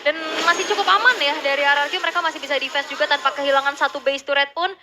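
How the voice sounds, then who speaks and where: Very high-pitched Indonesian woman esports caster. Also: racing, heavy background noise. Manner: animated, exclaiming and stretching big calls. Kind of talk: excited esports commentary.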